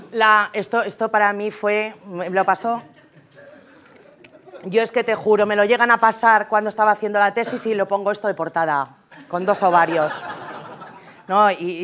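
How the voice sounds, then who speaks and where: A woman with a Spain Spanish accent giving a humorous conference talk, chatty and joking, often tagging her sentences with a quick question to the audience. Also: mid-range voice, a bit bright. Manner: chatty, jokey, keeps tagging lines with "¿eh?". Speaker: conference speaker.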